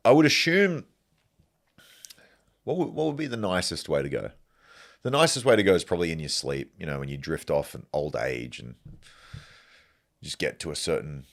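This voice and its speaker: Deep-voiced man ranting casually. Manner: rambling, profane, joking, laughs often. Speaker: podcast host. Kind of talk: casual solo podcast monologue.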